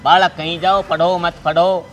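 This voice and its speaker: A man's voice: a little high, level tone, normal speed, faint music behind, close to an everyday voice. A man playing a scornful Haryanvi brother. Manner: scornful, rustic dialect. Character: exasperated older brother of the aunt.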